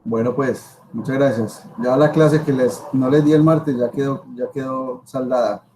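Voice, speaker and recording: A man's voice: mid-range voice, fairly even intonation, measured pace, warm tone, slight background noise, poor audio. A man with a Colombian accent giving an informal lecture as a professor, emphatic, repeating himself and asking rhetorical questions. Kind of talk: informal spoken lecture to students.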